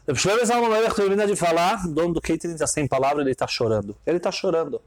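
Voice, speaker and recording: A man with a Brazilian Portuguese accent giving a storytelling sermon as a religious teacher, stressing points by swinging his pitch up and down. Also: fast.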